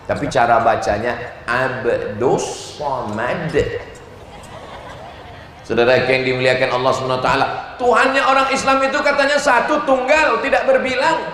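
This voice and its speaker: A man's voice: very high-pitched, expressive, fairly quick, bright, forceful tone. A man preaching to a large crowd at an outdoor gathering, asking the audience questions, chanting Arabic phrases and joking between points. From Indonesia. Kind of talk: lively sermon to a crowd. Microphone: loud sound system. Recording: very echoey, reverberant, slight noise.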